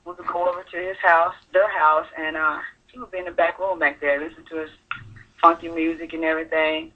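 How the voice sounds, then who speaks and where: A woman calling in to a radio show, telling her personal story in a halting, earnest way. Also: low-pitched, level tone, slightly rough. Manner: halting, earnest, full of fillers. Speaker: caller sharing her story. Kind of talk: personal testimony on call-in radio. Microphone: telephone. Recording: tinny phone line.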